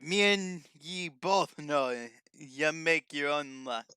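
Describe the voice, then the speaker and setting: A man's voice: fairly high pitch, slow pace, bright, forceful tone, clean tone, dry recording. A man doing a hearty old-timey pirate mentor. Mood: hearty, teasing. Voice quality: cartoonish pirate-style voice. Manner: old-fashioned speech, teasing. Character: jovial hearty male mentor, teasing and warm. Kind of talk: improvised character voicing.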